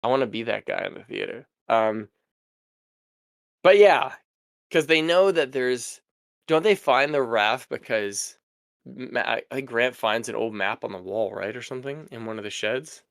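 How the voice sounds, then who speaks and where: Young guy podcast host, smooth clear voice, dry close sound, rambly and easygoing. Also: mid-range voice, normal speed, dry recording. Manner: relaxed, rambling, laughs easily. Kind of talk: casual chat.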